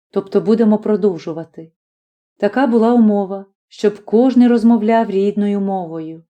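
Woman, audiobook narrator, calm, measured, mellow, dark tone. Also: medium pitch. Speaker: audiobook reader. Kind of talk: scripted narration of a literary story.

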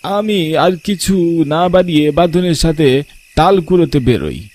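A young man narrating a first-person ghost story in a tense, hushed way. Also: on the high side, expressive, unhurried.

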